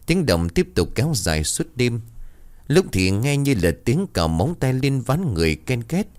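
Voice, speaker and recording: A man's voice: medium pitch, sing-song, normal speed, darkish tone. A man narrating a ghost story in a dramatic, suspenseful way.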